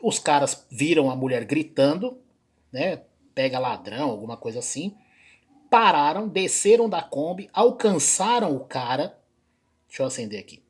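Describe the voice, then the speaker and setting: A man hosting a reaction video, talking in loose, rambling commentary with frequent fillers and pauses. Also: a little high, big pitch swings, slightly rough. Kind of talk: casual spoken commentary.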